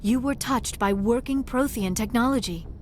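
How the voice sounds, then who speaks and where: The voice is fairly high, darkish in tone, close to everyday speech and at normal speed: an actress performing video game dialogue as a shy, earnest young alien archaeologist. Modest and reflective, she speaks with formal, precise diction and an awkward social manner, over background music.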